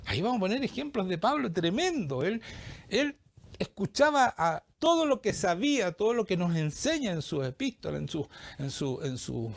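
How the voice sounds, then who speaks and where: Male preacher, Chilean accent, highish and very expressive delivery, questions the congregation often. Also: creaky. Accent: Chilean Spanish. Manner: animated, acts out quoted voices, asks the congregation questions. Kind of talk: sermon.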